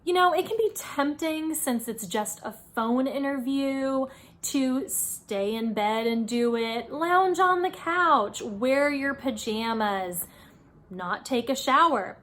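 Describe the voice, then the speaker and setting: A woman with a high, animated, fairly bright voice speaks slowly as she hosts a casual advice video. She offers career tips in a chatty, encouraging manner, like an informal tutorial.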